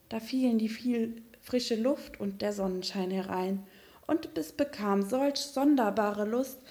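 Eine Frau, die ein Märchen ausdrucksvoll und sanft vorliest. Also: female voice, mid-range voice, warm tone. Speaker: storyteller. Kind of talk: fairy tale reading.

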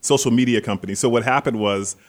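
A man in his thirties from Seattle, a guest talking casually about his business in a relaxed, rambling way. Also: mid-range voice, fast. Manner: relaxed, rambling storyteller, laughs easily. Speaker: guest, social media agency owner. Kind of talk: casual chat.

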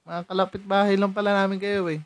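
A man's voice: high voice, flat delivery, fast talker, dry recording. A young man from Rizal in the Philippines, hosting his own podcast in casual chat, laughing often and mixing in English. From San Mateo, Rizal, Philippines. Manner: chatty, laughs often, switches between Tagalog and English. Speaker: podcast host.

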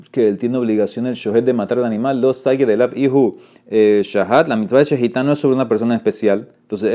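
A man's voice: fairly low pitch, mellow. A man teaching a Talmud page, reading the Aramaic text and explaining it in plain words, with fillers and self-corrections.

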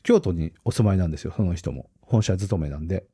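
A man in casual podcast chat whose low, warm voice swings up and down as he tells stories. He laughs often and keeps the talk animated. The sound is dry and close. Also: quick pace, breathy edge, no echo. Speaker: podcast co-host.

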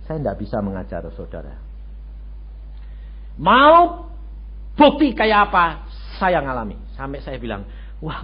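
Pastor preaching with loud swings, lo-fi. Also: male voice, a little hiss or hum. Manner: swings from loud exclamations to low asides, rhetorical questions to the congregation. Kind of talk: sermon. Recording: dull lo-fi radio broadcast.

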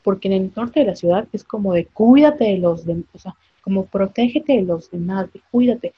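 A woman's voice: medium pitch, moderate pace, breathy edge, muffled recording. A young woman, co-hosting a podcast in casual chat, talking in a blunt, impassioned way with casual swearing. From Mérida, Yucatán, Mexico. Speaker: podcast co-host.

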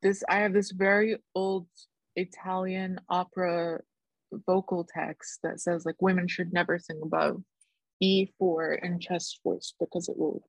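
A young woman co-hosting a casual podcast, talking emphatically in opinionated slang with vocal fry. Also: on the low side, level tone, a little slow, no room sound, poor audio. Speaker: podcast co-host.

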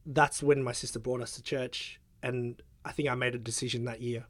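A man's voice: mid-range voice, steady tone, normal speed, no echo, studio quality. A young man, a guest in a casual interview, talking hesitantly with lots of fillers. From Australia. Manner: hesitant, filler-heavy, soft-spoken.

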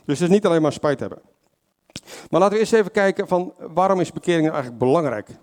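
Fast and a little high, with a darkish tone, a lay preacher delivers a casual sermon. He fills it with hesitations, self-corrections, and questions to the people listening in the congregation.

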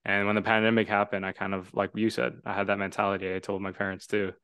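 A man's voice: on the low side, flat delivery, fast talker, a bit bright, smooth, no echo, clean studio sound. A man in his twenties from Toronto, hosting a casual podcast conversation in an earnest, reflective, rambling way. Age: 20s. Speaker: podcast host.

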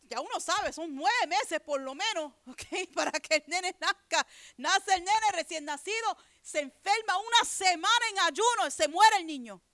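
High-voiced woman preaching conversationally. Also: lively intonation, unhurried, fairly bright tone, dry recording, studio quality. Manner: conversational preaching, repeatedly asks "¿verdad?"; reads scripture aloud and explains it. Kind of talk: sermon.

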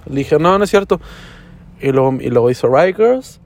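A man's voice: medium pitch, animated, brisk. A young man from Mexico, talking casually to camera in a vlog, full of slang and swearing, slipping into English mid-sentence. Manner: slangy, profane, storytelling with code-switching.

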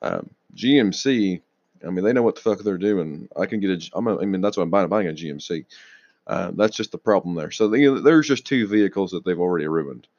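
A young man casually rambling on his own show, restarting sentences, swearing now and then and clearing his throat a lot, sounding tired. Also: low voice, animated, a little fast, a little mellow, no room sound, lo-fi sound. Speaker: auto news vlogger.

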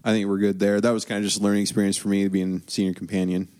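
A man's voice: lowish voice, flat delivery, racing, a little mellow. A young man casually telling stories about his mission, laughing often as he talks. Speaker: guest. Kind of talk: casual storytelling.

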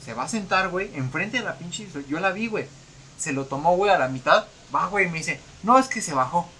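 A man's voice: sits high, expressive, a little fast, sharp tone, slight background noise. A man with a Mexican Spanish accent hosting a podcast, telling slangy work stories and acting out the people in them. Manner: slangy storytelling, acts out voices in anecdotes. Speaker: podcast host. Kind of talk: casual chat.

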